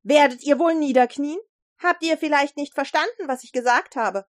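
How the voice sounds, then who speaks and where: A proud ancient king bellows orders and demands obedience, as a woman storyteller puts him on. He sounds high, loud and sharp, in a dry, close recording. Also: moderate pace, dry recording, lightly acted. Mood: outraged. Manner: shouting, commanding. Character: furious proud ancient male king, shouting.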